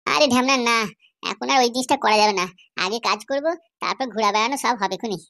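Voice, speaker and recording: Quick-talking woman voicing a cartoon. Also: a little high, vocal fry, sharp tone. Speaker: cartoon voice actor. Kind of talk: cartoon comedy acting.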